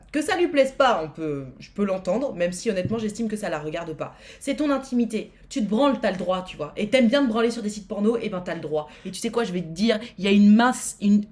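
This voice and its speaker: A woman streamer with a mid-range, slightly mellow voice gives frank advice live while reading out viewer messages. She is blunt and outspoken, swears plenty, and gets worked up quickly.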